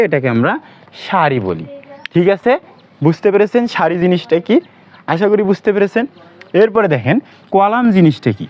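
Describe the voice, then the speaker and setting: Patient, lively-voiced math tutor. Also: male voice, a little high. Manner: patient, repeats questions and answers them himself. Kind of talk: step-by-step lesson explaining matrices. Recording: dull lo-fi recording.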